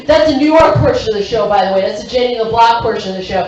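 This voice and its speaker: A woman performing a stand-up comedy set, brash and excitable, shouting her punchlines. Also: fairly high pitch, quick pace, dull audio, a crowd in the background. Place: comedy stage in a hotel venue. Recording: echoey room, from a distance.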